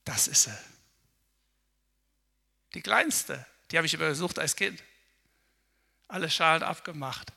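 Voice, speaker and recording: Male preacher, bright and slightly high voice, conversational sermon that voices people's doubts. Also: measured pace, gravelly, long pauses. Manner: conversational, frequent tag "ne?", acts out inner voices. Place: church service.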